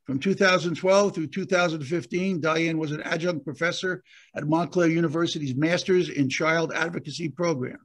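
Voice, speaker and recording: Hoarse-edged man hosting with many fillers. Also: a little high, fairly bright tone. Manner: halting, with many fillers and restarts. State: losing his voice. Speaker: county prosecutor hosting the event. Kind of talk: hosting a virtual conference. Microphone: video call.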